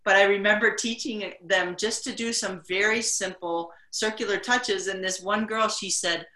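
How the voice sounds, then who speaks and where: A woman's voice: mid-range voice, normal speed. Roomy-sounding woman telling a story. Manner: animated storyteller, hesitant fillers. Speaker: practitioner sharing a story. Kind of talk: casual storytelling on a video call.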